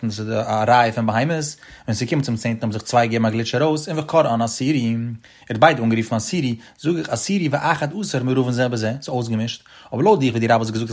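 Guy going through talmud in a lesson, husky voice, that up and down study singsong. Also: mid-range voice. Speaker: Talmud teacher.

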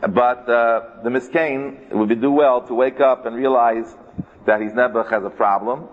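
A man's voice: medium pitch, fairly even intonation, moderate pace. A man giving an informal, colloquial religious lecture, repeating phrases for emphasis and mixing in Hebrew and Yiddish terms. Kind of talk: informal sermon with acted-out imagined quotes. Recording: muffled, echoing hall.

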